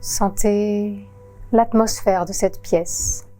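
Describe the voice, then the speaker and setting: A woman yoga teacher guiding a relaxation session in a calm, soothing voice-over with long pauses. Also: mid-range voice, soft background music. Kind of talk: guided relaxation narration.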